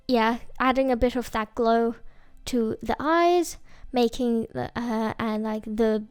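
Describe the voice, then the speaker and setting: In a casual voice-over, a digital artist talks through her drawing, her voice a little high with a clear, resonant tone. She rambles and hesitates, often restarting and laughing at herself in a self-mocking way.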